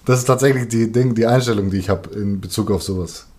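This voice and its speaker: Over crowd noise, a man with a lowish voice speaks fast in casual, colloquial conversation. He's a musician and rapper whose first language is German, and he often hesitates while searching for words.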